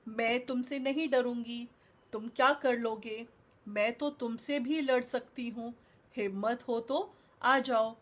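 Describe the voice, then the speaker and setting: A woman's voice: a little high, slow. A woman voicing a small, bold female fly that taunts a lion in a storybook reading. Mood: defiant. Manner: defiant, taunting.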